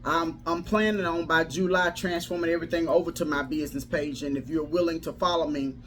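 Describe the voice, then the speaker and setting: A woman's voice: low-pitched, fairly even intonation, a little fast, faint music behind. A woman life coach giving a casual motivational livestream talk in a folksy, preacherly manner, repeating phrases for emphasis.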